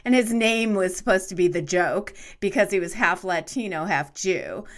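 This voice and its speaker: A woman's voice: fairly low pitch, moderate pace. A woman co-hosting a podcast, talking casually and laughing easily. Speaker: podcast co-host. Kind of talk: casual chat.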